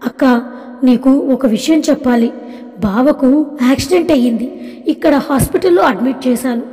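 Woman reading a desperate young girl begging, high pitched, soft dark tone. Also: moderate pace, long reverb tail, faint music behind, natural voice. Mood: distressed.

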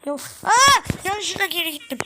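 A woman hosting a casual gameplay video, talking through a phone game and breaking into frustrated, excited exclamations. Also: extremely high pitch, moderate pace, heavy background noise. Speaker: gameplay channel host. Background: background music.

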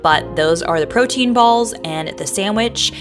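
A woman's voice: medium pitch, animated, a little slow, over music. A woman chatting casually in a voice-over as she walks through her lunch prep, upbeat and full of fillers.

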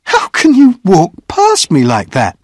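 A woman's voice: on the low side, huge pitch swings, a little slow, darkish tone, dry recording, studio quality, voice pushed up, full character voice. A man reading a story, voicing a charming, teasing woman of about thirty in a playful, lilting way. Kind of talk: audiobook character voice.

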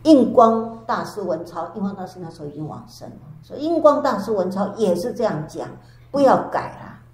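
An older woman, a Buddhist nun, giving a storytelling dharma lecture with drawn-out sentence particles. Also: mid-range voice, expressive, darkish tone. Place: temple lecture hall. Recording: echoey hall with faint background hiss.

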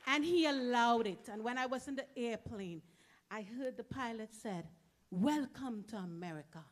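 A woman's voice: a little high, normal speed. A middle-aged woman from Trinidad, giving a heartfelt memorial eulogy in short, emphatic phrases as a church member.

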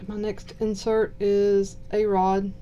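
A woman with a Southern US accent giving low-key, mumbled casual commentary while unboxing cards. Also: completely flat delivery, takes it slowly, warm tone, smooth, lo-fi sound. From southern United States. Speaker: card box-break host. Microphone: purchased microphone.

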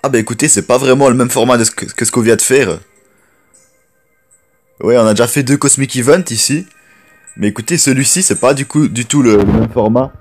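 A man's voice: medium pitch, a little fast, soft background music. A man hosting a gameplay video, rambling and chatty in casual commentary. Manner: rambling, chatty, frequent restarts. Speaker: gaming video host.

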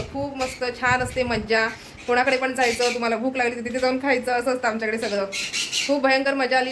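A chatty woman from the Konkan talks quickly to her viewers, rambling and laughing often. Her phone recording carries clear background noise. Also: on the high side. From Konkan, India. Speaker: vlogger. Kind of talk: casual home vlog talk.

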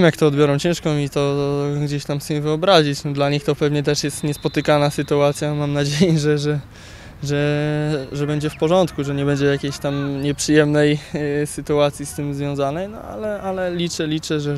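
A young footballer in his twenties answering interview questions outdoors beside a pitch, halting with many repeated words. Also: level tone, darkish tone. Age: 20s. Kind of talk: post-training interview. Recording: faint outdoor noise.

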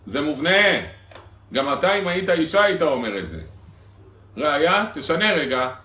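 Guy rabbi teaching a class, keeps asking the crowd stuff, roomy echo, mic far off. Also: fairly high pitch. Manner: lively teaching, rhetorical questions to the audience. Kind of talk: Torah lesson to a congregation. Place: synagogue hall. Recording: echoey hall recorded from a distance.

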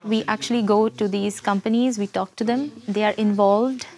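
In an unscripted interview, an Indian design student in her twenties talks with an Indian accent at a moderate pace. Her mid-range voice keeps a fairly even intonation. A lapel mic picks her up in a busy indoor classroom studio while soft music plays behind her.

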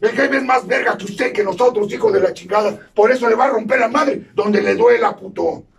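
A Mexican man with a Mexican Spanish accent giving crude, profanity-laden testimony at a support meeting, bursting into shouts. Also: high-pitched, fairly quick, creaky. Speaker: recovery group speaker. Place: meeting hall. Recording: distant mic in a noisy crowded room.

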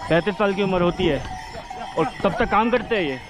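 A man's voice: high voice, animated, fairly quick, over music. A young man chatting casually as he vlogs on a mountain trek on horseback, often breaking into exclamations. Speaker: vlogger. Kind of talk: casual travel vlog narration.

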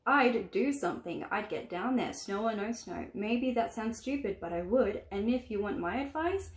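A woman's voice: medium pitch, animated, moderate pace, natural voice. A woman reading aloud the lines of a blunt teenage boy giving frank advice. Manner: blunt, matter-of-fact. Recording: echoey room.

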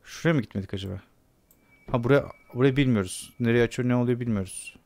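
A man's voice: medium pitch, quick pace, darkish tone. A man giving casual let's play commentary on a horror game, talking to himself and the game and repeating words. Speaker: gamer playing a horror game.

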